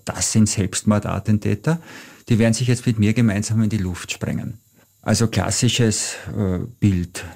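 A man's voice: lowish voice, vocal fry, a little mellow. A middle-aged man from Austria, telling travel stories thoughtfully as an interview guest. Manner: thoughtful, anecdotal, frequent "äh" fillers. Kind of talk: reflective storytelling.

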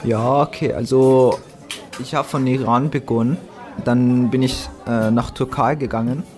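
Brief: a teen doing a polite newcomer boy, hesitant, halting German, school play. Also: mid-range voice, fairly even intonation, a little mellow, lightly acted. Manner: slow, simple, hesitant German with fillers. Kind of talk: amateur school drama.

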